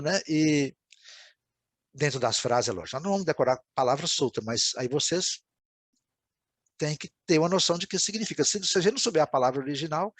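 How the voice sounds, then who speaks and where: A man gives a recorded English lesson, explaining each word patiently and often asking his students if they follow. His voice sits a little high. The sound is close and dry, with no room echo. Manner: explanatory, repeats words and checks with "né, gente?". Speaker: English teacher.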